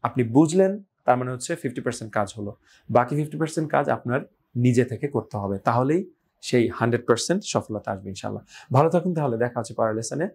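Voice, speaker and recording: Male teacher, patient and repetitive, drills English words slowly with quick check-ins. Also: medium pitch, expressive, gravelly, a little mellow, husky. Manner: explains in Bengali, models English words slowly, repeating them; asks "right?" and praises with "good". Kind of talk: online English pronunciation lesson.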